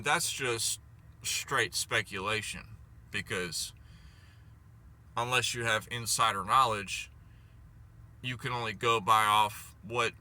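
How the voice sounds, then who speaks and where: A man vlogging in a casual, rambling, playful way, halting as he goes, with a whistling S. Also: mid-range voice, sharp tone. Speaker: vlog host. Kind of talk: casual rambling solo talk. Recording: noisy, car noise behind voice.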